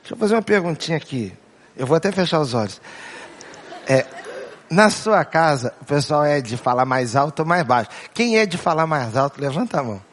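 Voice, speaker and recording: Playful Brazilian pastor with a raised voice. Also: male voice, fairly high pitch, very animated, brisk, a little hiss or hum. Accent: Brazilian Portuguese. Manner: playful, acts out family voices and jokes with the crowd; asks the congregation questions and repeats key phrases. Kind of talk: humorous sermon to a congregation.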